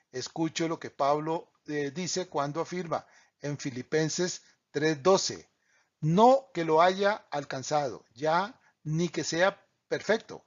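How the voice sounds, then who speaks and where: Earnest man teaching Bible study, lo-fi. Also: fairly high pitch. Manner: reads scripture aloud, with small slips and self-corrections. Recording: dull lo-fi recording.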